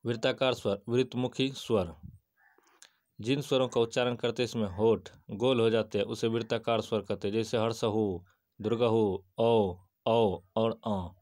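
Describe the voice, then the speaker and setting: A man giving an exam-prep grammar lesson, reciting definitions and examples in a steady list-like way and answering his own questions. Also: medium pitch, moderate pace. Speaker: teacher.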